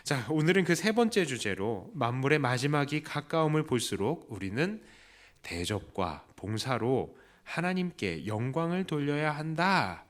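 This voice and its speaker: A male pastor delivers a Sunday sermon in a fairly high voice that rises and falls a great deal. He keeps asking his listeners questions and jumps up to act out the voices of the people he quotes. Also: measured pace. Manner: lively preaching with questions to the congregation; acts out quoted voices with raised pitch. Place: church.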